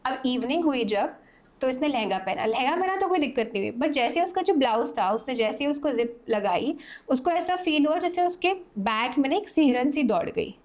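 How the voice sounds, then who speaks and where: A young woman with a high voice narrates a horror tale in relaxed, conversational storytelling. She is animated and slips into the voices of the characters as she goes. The delivery stays informal, as in a chat on a podcast. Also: moderate pace. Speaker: podcast guest telling horror stories. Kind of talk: casual spoken storytelling.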